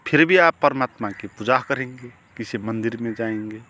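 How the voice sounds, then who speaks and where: Male spiritual teacher, mid-pitched, unhurried reflective sermon delivery with rhetorical questions. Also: sharp tone. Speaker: meditation teacher. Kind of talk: spiritual discourse.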